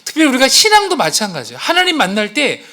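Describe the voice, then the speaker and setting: A man's voice: very high-pitched, fast talker. A male pastor preaching a sermon to his congregation in a church, acting out quotes and asking the listeners questions. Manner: animated, acts out quotes and exclamations. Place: church sanctuary.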